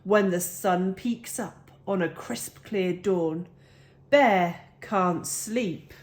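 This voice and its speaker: A woman reading a children's picture book aloud with deliberate, dramatic phrasing. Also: on the low side. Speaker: storybook reader.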